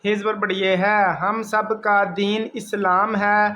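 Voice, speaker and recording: A man with a high, fairly flat voice leads a children's reading lesson. He spells each word out slowly, syllable by syllable, and keeps a steady, patient delivery. A faint hiss of background noise sits under the recording. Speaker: Urdu reading teacher.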